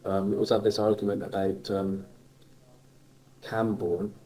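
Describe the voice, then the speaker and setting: A man interviewing in a relaxed, conversational style with a Cornish West Country accent. His voice is fairly low and dark, and he feels his way hesitantly through short remarks and questions. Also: quick pace, low-quality recording. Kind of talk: casual conversation about dialect.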